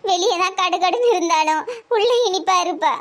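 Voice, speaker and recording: A woman's voice: very high voice, fairly quick, fairly bright tone. A woman voicing a caring, middle-aged cartoon mother-in-law with a Tirunelveli Tamil accent, who talks affectionately and gives instructions.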